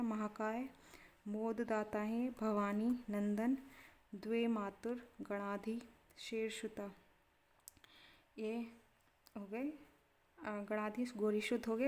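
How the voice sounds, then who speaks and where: Flat-voiced woman teaching exam prep. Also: mid-range voice. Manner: steady teaching cadence with frequent "theek hai" check-ins. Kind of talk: exam prep lesson, listing synonyms.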